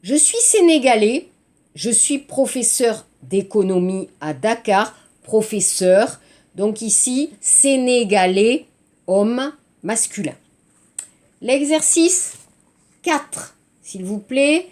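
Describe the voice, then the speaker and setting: A woman teaching to Korean learners, slow and clear, often checking in with "hein" and "d'accord". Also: fairly high pitch, lively intonation, darkish tone. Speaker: French teacher. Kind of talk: language lesson for Korean learners.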